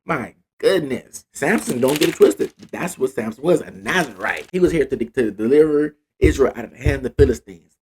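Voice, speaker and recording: A man casually retelling Bible stories and reading scripture, with slang asides and lively delivery. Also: medium pitch, moderate pace, husky. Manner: animated retelling in slang, acting out quotes. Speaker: Bible teacher.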